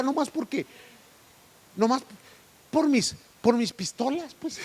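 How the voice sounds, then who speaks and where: A man's voice: extremely high pitch, a bit bright. A man, preaching a sermon as pastor, full of rhetorical questions. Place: church sanctuary. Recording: long church hall reverb.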